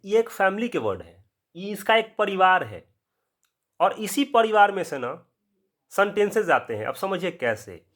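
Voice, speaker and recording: An English teacher with a Bihari Hindi accent gives a grammar lesson in a casual classroom style, posing a question to the viewer and then answering it himself. He slows down for drawn-out, spelled-out explanations. His voice sits high and sounds fairly bright.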